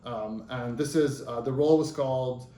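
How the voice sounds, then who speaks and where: Recorded with a roomy echo, this interview guest, a native Arabic speaker from Lebanon in his thirties, describes his career in a mellow, middle-pitched voice at a moderate pace. His speech is loose and conversational, with frequent fillers and false starts.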